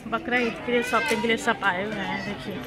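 A woman's voice: on the high side, steady tone, fairly quick. A woman in her thirties chatting to her viewers in a casual shopping vlog, filming herself on a phone held at arm's length while she walks through a busy indoor mall. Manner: chatty, addresses viewers directly while walking. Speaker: vlogger. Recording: loud crowd and mall noise. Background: crowd chatter and mall noise.

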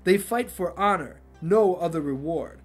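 A man's voice: high voice, unhurried, breathy edge, faint music behind. A man voicing an honorable male monk warrior with earnest, formal speech.

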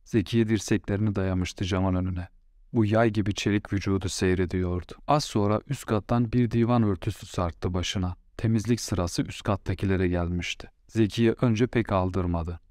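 A man narrates an audiobook story at a measured, unhurried pace. His voice is on the low side, and the recording is dry and close-miked. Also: fairly even intonation, darkish tone, dry recording.

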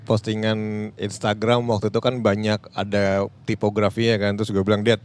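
A man with a Jakarta accent, a podcast co-creator talking in a casual panel chat, slipping English phrases into his speech. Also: lowish voice. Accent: Jakarta Indonesian. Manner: fast, animated, mixes in English phrases.

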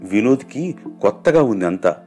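Low-voiced male storyteller. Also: very animated, normal speed, darkish tone, soft background music. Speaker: audiobook narrator. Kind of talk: storytelling narration.

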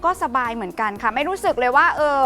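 A woman giving a fast, hype live home-shopping pitch in a polite, emphatic, persuasive way. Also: sing-song, pushed and bright, faint music behind.

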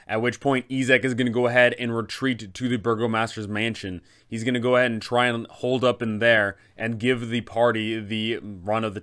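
A man in his thirties, acting as host and game master, explains a tabletop adventure for other game masters in an emphatic, methodical style. His voice is fairly low, smooth, and fairly bright in tone.

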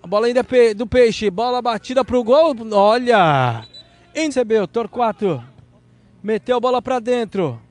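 Male football play-by-play caller, Brazilian accent, very high voice, dry sound. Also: lively intonation, a little slow, darkish tone, no room sound. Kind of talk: live sports commentary.

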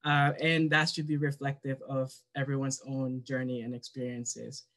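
A man's voice: medium pitch, little pitch movement, normal speed, fairly bright tone. A young man speaking as a student on a panel over a video call, hesitant, with many fillers and restarts. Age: young adult.

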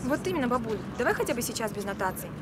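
A young actress playing an affectionate teenage daughter in a naturalistic screen drama. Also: female voice, on the high side, big pitch swings, rapid-fire. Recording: loud outdoor bus station noise.

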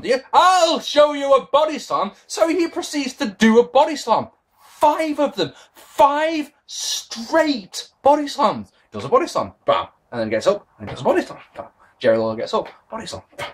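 A man's voice: on the high side, breathy edge. A British man in his thirties giving a sarcastic, sweary wrestling review to a webcam in his bedroom. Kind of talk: casual video review. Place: bedroom with posters, indoors.

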